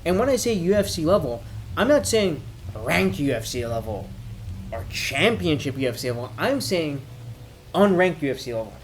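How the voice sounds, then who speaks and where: Tipsy man rambling, higher-pitched voice. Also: sing-song, slight background noise. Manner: drinking while ranting, tipsy rambling; halting, thinking aloud. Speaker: MMA commentator giving opinions. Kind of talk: casual off-the-cuff rant.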